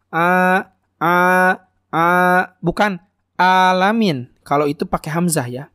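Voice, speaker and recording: A man teaching Quran recitation rules, patiently modelling each sound slowly and correcting common mistakes. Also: fairly high pitch, dry recording, studio quality. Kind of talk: tajwid lesson, explaining and modelling recitation.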